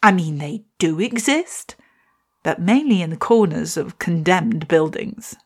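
She hosts a podcast and writes poetry; her voice is lowish and slightly rough, her delivery unhurried. Recounting a personal story thoughtfully, she reads her poem with dry, self-mocking wit.

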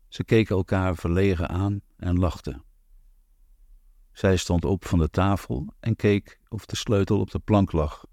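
A man narrating an audiobook in a calm, measured, even reading. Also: sits low, dry recording, clean studio sound. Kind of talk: scripted narration.

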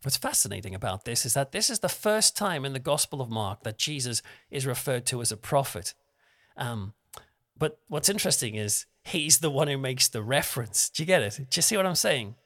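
A man's voice: medium pitch, lively intonation, fairly quick, fairly bright tone. A young man giving a conversational, self-deprecating devotional talk as a preacher. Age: young adult.

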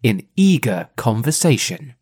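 A man's voice: medium pitch, big pitch swings, unhurried, darkish tone, slightly rough. A man co-hosting a podcast, retelling a book in a playful, teasing, jokey way. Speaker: podcast co-host, reader. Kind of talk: casual podcast chat and retelling.

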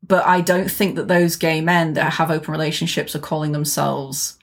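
A woman's voice: low-pitched, little pitch movement, normal speed. Candid woman chatting. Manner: candid, chatty, swears freely. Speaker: podcast co-host. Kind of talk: casual chat.

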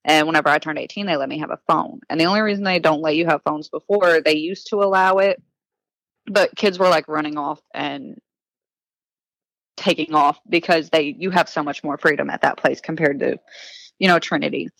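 A woman's voice: deep voice, fairly even intonation, brisk, gravelly, fairly bright tone, no echo, rough recording. A woman recounting her past plainly and earnestly as a guest in a casual interview. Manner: earnest, matter-of-fact recounting. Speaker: podcast guest.

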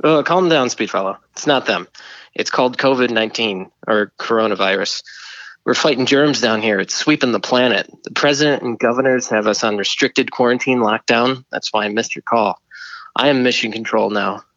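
A man's voice: medium pitch, normal speed, fairly bright tone, dry recording, dull audio. A man playing a flustered, stammering mission control operator, heard over a radio link in a comedy skit.

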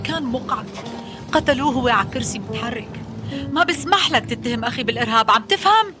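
A woman's voice: fairly high pitch, expressive, quick pace, music in the background, close to an everyday voice. A woman playing a Syrian woman defending her slain brother, impassioned and shaky, with a Syrian Arabic accent.

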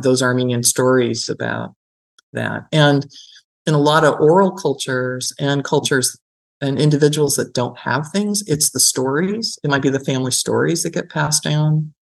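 A middle-aged woman with a very deep, creaky voice is interviewed as a gerontology professor. She's reflective and explanatory, recounts personal stories, and regularly checks in with the listener through "right?" and "you know."

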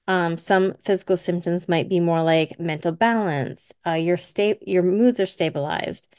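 A woman speaking as a Reiki healer and teacher, giving spiritual guidance in a soft, soothing, breathy manner. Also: on the low side, unhurried, no echo. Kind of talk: spiritual wellness lesson and guided relaxation. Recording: close dry voice over faint music.

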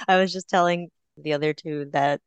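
A woman's voice: low-pitched, smooth, no room sound, muffled recording. A woman therapist co-hosting a podcast, upbeat and laughing often in casual chat.

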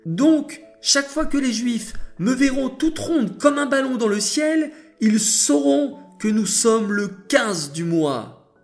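A man voicing a small, gentle female moon in a children's story, talking in a high, childlike way. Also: expressive, takes it slowly, soft background music, exaggerated voice. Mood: delighted.

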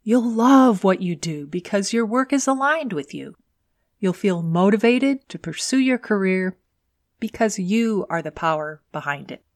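A woman's voice: mid-range voice, lively intonation, a little slow, no room sound, studio quality. A woman hosting a scripted solo advice podcast, coaching in a tidy, orderly, instructional way. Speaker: podcast host and career coach.

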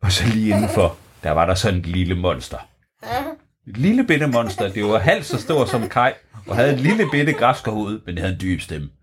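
A man improvising a bedtime story for a child, playful and halting. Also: on the low side, big pitch swings, crowd noise.

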